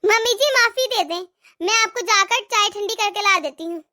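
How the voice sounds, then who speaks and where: A woman's voice: very high-pitched, moderate pace, bright, forceful tone. A woman voicing a patient elder daughter-in-law in a cartoon who reasons with her mother-in-law. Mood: placating.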